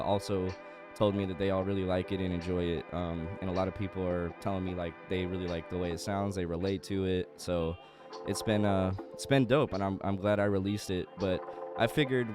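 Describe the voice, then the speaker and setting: A young music producer with a lowish, slightly mellow voice gives a casual studio walkthrough. He sounds congested and a little nasal, rambling with lots of fillers and restarts.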